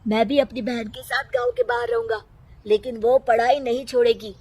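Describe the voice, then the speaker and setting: A woman's voice: fairly high pitch, steady tone, normal speed, darkish tone, husky, dry recording. Woman voicing a bold young village brother. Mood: insistent. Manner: emphatic, insistent.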